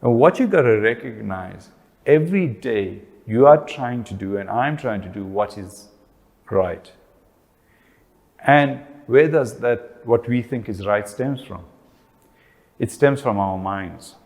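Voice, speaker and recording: A man's voice: medium pitch, lively intonation, takes it slowly, gravelly, darkish tone. A man with a South African accent giving a talk on family relationships, often asking questions and then answering them himself. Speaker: speaker. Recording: long reverb of a hall.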